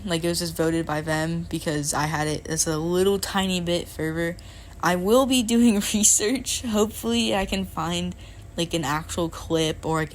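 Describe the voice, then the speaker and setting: A woman's voice: fairly low pitch, slight background noise. A young woman recounting her racing league's history in a rambling, unsure way, with a laugh now and then. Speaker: league member narrating history. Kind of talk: casual chat.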